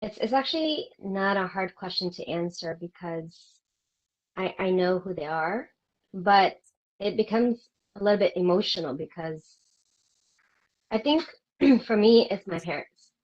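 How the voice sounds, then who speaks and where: A woman's voice: medium pitch, lively intonation, unhurried, long pauses, muffled recording. A woman from Vietnam who is a guest in an interview, telling her own story in an earnest, reflective way with hesitant restarts.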